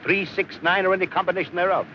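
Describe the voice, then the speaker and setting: Actor as cocksure fast-talking schemer, screwball comedy banter. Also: male voice, sits high, natural voice. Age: middle-aged. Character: scheming, cocksure father pushing a numerology gambling system. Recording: muffled, noisy 1940s film soundtrack.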